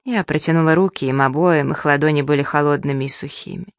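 A woman narrating an audiobook in the first person, reading in a soft, measured and emotional way. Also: low-pitched, steady tone, dry recording, studio quality.

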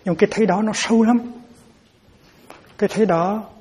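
A man's voice: sits high, fairly even intonation, normal speed, a little mellow, slightly rough. A man giving a Buddhist dharma talk as teacher, explaining terms patiently and often repeating words as he searches for them.

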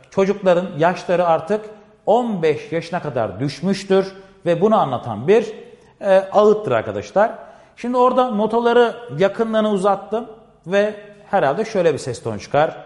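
Lively high-voiced male teacher, echoey classroom. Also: moderate pace. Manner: explanatory, repeats key phrases, constantly addresses listeners. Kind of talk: classroom lecture. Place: classroom with a board. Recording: echoey room with long reverb.

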